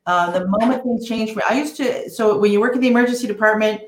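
A woman in a casual podcast conversation, telling a personal story in a lively, animated way. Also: a little high, fast talker. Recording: roomy echo.

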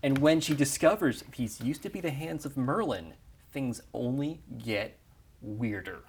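Man hosting a comedy podcast, clear hiss. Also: mid-range voice, expressive, unhurried. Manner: playful, dramatic narration. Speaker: podcast host. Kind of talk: comedic script reading and game hosting.

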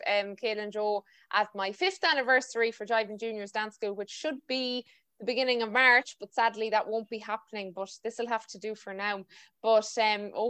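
A woman's voice: medium pitch, sharp tone, clear, resonant tone. A woman with a west of Ireland, County Mayo accent, hosting a casual, chatty podcast interview over a video call. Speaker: podcast host.

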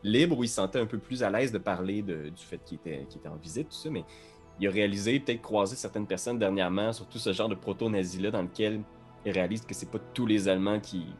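A man's voice: fairly low pitch, quick pace, soft background music. A man playing a tabletop game, talking hesitantly with many restarts. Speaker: player.

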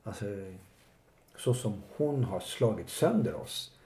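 A man telling his life story in an interview, halting and reflective with many pauses. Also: lowish voice, lively intonation, dark tone. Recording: echoey room with faint noise.

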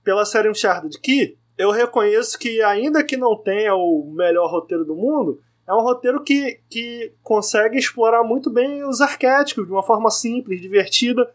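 A man's voice: high voice, normal speed, few pauses. A man with a Brazilian Portuguese accent co-hosting a podcast, giving opinions in slangy, emphatic casual talk with some swearing. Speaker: podcast co-host.

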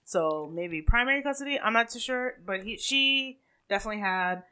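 A woman's voice: fairly high pitch, lively intonation, moderate pace, pushed and bright, clear, resonant tone. A woman with a Caribbean accent co-hosting a casual true-crime chat, talking in a hesitant, self-correcting way. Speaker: podcast co-host.

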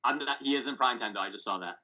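A man with a bright, forceful voice chats casually as a podcast co-host. He talks through his analysis aloud, rambling and circling back. His pitch sits in the middle. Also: racing, poor audio. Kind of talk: casual sports chat.

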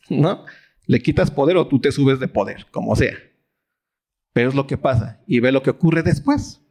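A man's voice: vocal fry, darkish tone. A man with a Mexican Spanish accent teaching a Bible study in a casual, conversational sermon style, often asking the audience questions and acting out quoted voices. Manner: acts out quoted voices with big pitch swings.

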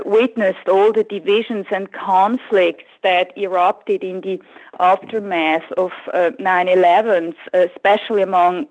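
A woman with a Swiss German accent speaks as an interview guest, in a voice of middling pitch. She tells her story in a measured, reflective way. The sound is a little dull, like a remote line. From German-speaking Switzerland. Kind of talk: interview answer.

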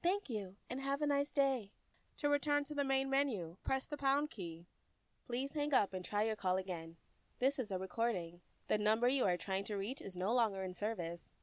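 A woman voicing recorded phone menu prompts in a polite, even, measured way. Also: on the high side, no echo. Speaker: automated phone system voice.

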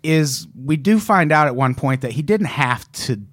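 A man's voice: a little high, moderate pace, no room sound. Dry-voiced man telling a story. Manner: swearing, animated storytelling with quoted voices. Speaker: podcast co-host. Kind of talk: casual chat.

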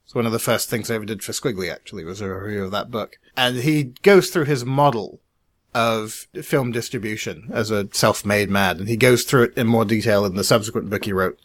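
A man who is an independent filmmaker, co-hosting a casual podcast chat in a measured, reflective way, his sentences trailing off quietly. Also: fairly low pitch.

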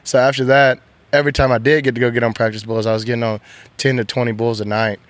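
A young man from Texas, a bull rider, talking candidly and emotionally in halting, soft-spoken sentences. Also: mid-range voice, little pitch movement, no echo. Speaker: professional bull rider, guest. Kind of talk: candid interview chat.

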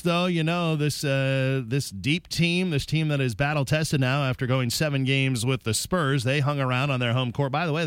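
A man's voice: on the high side, fairly bright tone, no echo, clean studio sound. A man hosting a sports broadcast, narrating a recap of a game. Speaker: sports radio host.

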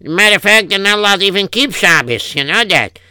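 A man's voice: high voice, lively intonation, fairly quick, pushed and bright, clear, resonant tone, dry recording, studio quality, exaggerated voice. A man playing a fretful Yiddish-accented husband. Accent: Yiddish-inflected English. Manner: kvetching, sighing oy vey. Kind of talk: improvised comic radio story.

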